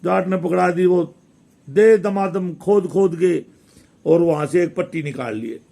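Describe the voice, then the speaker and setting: A man's voice: high-pitched, a little slow, gravelly, dark tone. A man telling a village folk tale casually, rambling and repeating phrases. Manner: rambling, repeats phrases, voices characters in dialect. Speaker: village storyteller.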